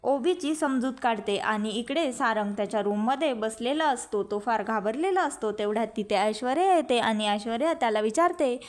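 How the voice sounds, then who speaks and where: High-voiced woman recapping a serial. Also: expressive, normal speed, hardly any pauses. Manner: plain retelling, strings events with connecting phrases. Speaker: narrator recapping a TV serial episode. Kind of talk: storytelling recap.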